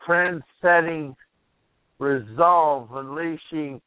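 A man's voice: fairly high pitch, very slow, no room sound. A man hosting a motivational call-in radio show, rambling and asking the listener questions while losing his voice. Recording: tinny phone-like radio line.

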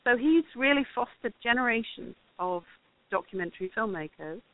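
A woman's voice: on the high side, animated, normal speed, no room sound. A woman from England, a documentary grant writer talking as a guest in a casual interview, thoughtful and rambling with many fillers. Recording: dry tinny phone line.

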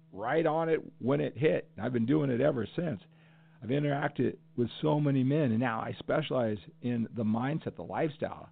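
A man's voice: mid-range voice, vocal fry, husky, no echo. A middle-aged man hosting a solo podcast, talking earnestly and emphatically, repeating phrases to drive his point home. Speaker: podcast host. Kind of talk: passionate solo podcast monologue. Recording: tinny phone-like audio.

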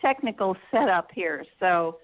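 Woman host on speakerphone: muffled, tinny phone line, slow relaxed greetings. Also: on the low side. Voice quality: a little muffled. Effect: on speakerphone, talking into a phone. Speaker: show host. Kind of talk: casual opening of a call-in radio show.

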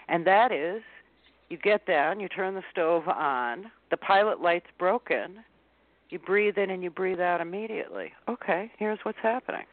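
A woman guest on a radio interview, working as a life coach, explaining her advice in an animated way and repeating phrases for emphasis. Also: fairly low pitch, no room sound. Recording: tinny phone-line sound, dry.

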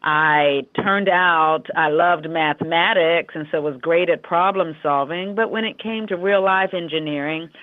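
This interview guest, an American leadership consultant and coach from Western Pennsylvania, speaks a little slowly with hardly any pauses. Her voice sits on the low side and sounds slightly froggy and conversational, carried by a dry, tinny phone line without room sound.

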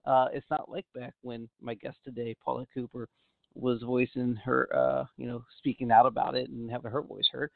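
A man's voice: medium pitch, little pitch movement, normal speed, creaky, no room sound. A man hosting a podcast, talking in a casual, rambling way. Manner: rambling, full of uh fillers and restarts. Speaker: podcast host. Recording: narrow phone-like sound, dry.

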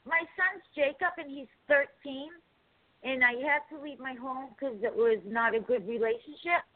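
A woman caller on a muffled, distant phone line, talking quietly and hesitantly. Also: high-pitched, moderate pace. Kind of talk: call-in chat.

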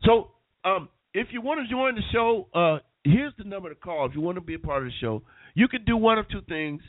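A man's voice: high-pitched, animated, a little fast. A man with a nasal voice from being sick, hosting an internet call-in radio show with casual, rambling talk. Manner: rambling with many restarts. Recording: tinny phone-line sound.

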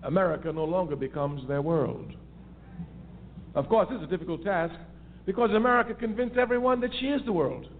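A man with a high-sitting, brisk voice phones a radio show to make a heated political case. He is emphatic and repeats his key phrases for force, and the phone line sounds tinny with a faint hiss.

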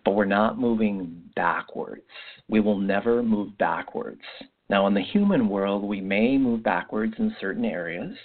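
An echoey, thin phone-like recording carries the deep voice of a man. He speaks as a spiritual podcast host, unscripted and reflective. His phrases wander and often repeat as he offers guidance. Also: expressive, unhurried. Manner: meandering, reflective phrasing with repetitions. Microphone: makeshift mic, not the usual podcast one. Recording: echoey, muffled phone-like sound without usual microphone.

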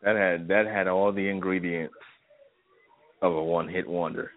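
A man's voice: low voice, steady tone, moderate pace. A man co-hosting a podcast in casual chat, laid-back, often stammering on his words. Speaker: podcast co-host. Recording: tinny phone-like line with faint noise.

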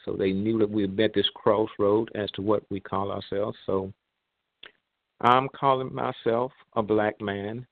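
A man hosting an online radio talk show, heard over a phone line, speaking in a measured way with pauses and fillers. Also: fairly low pitch, no echo. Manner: measured, pausing, with many fillers. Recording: tinny, dry phone line.

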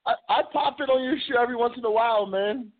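A man's voice: very high voice, fast talker, no echo. A male caller talking over the phone, arguing sports in a laid-back, casual way. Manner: laid-back, argumentative, says "man" a lot. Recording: tinny dry phone line.

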